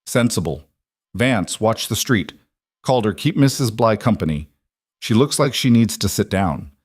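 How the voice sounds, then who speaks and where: A man voicing a calm, cold outlaw leader who speaks in a measured way. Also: on the low side, dry recording, studio quality. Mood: menacing.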